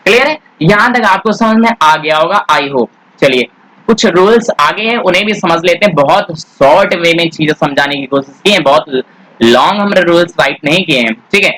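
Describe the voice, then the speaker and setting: A man teaching English grammar, speaking Hindi mixed with English words in an Indian accent. He asks questions and then answers them himself, and he draws out the English words slowly. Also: high-pitched, pushed and bright, rough recording. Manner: addresses students as "beta", asks and answers his own questions. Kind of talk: classroom grammar lesson.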